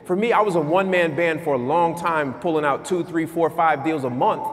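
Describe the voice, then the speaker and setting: A man in his thirties giving an energetic motivational keynote on stage in a large conference hall, asking the crowd questions. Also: a little high, fairly quick, slight background noise. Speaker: keynote speaker. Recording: long hall reverb.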